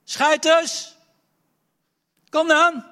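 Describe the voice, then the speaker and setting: A man voicing a huge, boastful giant warrior who hurls loud taunts. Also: extremely high pitch, level tone, drawn-out words, voice pushed up, heavily acted. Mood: jeering. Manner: bellowing taunts. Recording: echoey hall.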